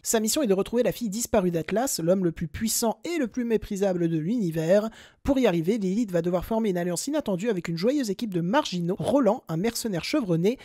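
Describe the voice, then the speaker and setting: A man with a French accent hosting a casual film review podcast in an expressive way, breaking into his own sentences with mock-exasperated asides. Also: sits high, dry recording, studio quality. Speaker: podcast host.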